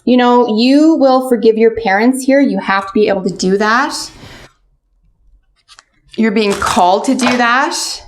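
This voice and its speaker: A woman's voice: a little high, measured pace, long pauses. A woman fortune teller doing a casual spoken tarot and oracle card reading, addressing the listener directly. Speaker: tarot reader.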